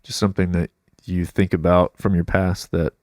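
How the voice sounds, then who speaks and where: A man hosting a podcast in a studio, asking slow, thoughtful questions with fillers. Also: low voice, little pitch movement, a little mellow, dry recording. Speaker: podcast host. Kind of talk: casual podcast interview.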